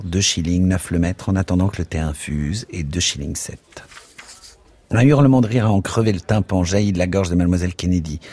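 Deep-voiced man reading literature aloud. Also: husky. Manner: expressive, rhythmic, lingering over words. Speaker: narrator. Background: soft music.

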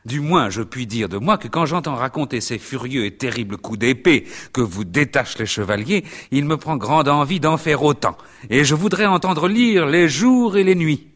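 A man's voice: on the high side, lively intonation, normal speed, fairly bright tone, voice pushed up. A man voicing a simple, book-loving middle-aged innkeeper in an audiobook. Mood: enthusiastic. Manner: hearty, stubborn.

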